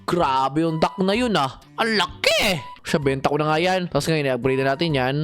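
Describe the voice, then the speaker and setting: A young man giving excited gameplay commentary, talking to viewers and his in-game pet with frequent shouts. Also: a little high, normal speed, faint music behind. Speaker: gaming channel host.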